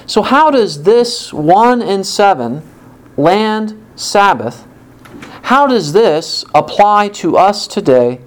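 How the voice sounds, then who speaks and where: A man preaching a sermon with earnest emphasis, from the United States, lifting his voice on the quoted words. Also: on the high side. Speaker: pastor.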